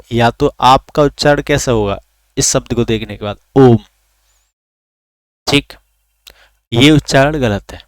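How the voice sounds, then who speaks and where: एक आदमी, जो रिकॉर्ड की गई ऑनलाइन क्लास पढ़ाता है, खुद सवाल पूछकर खुद जवाब देता है और स्वरों को खींचकर बोलता है।. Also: male voice, on the high side, no echo, clean studio sound. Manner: asks questions then answers them himself; drags out vowels to demonstrate. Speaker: teacher. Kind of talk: recorded online lesson.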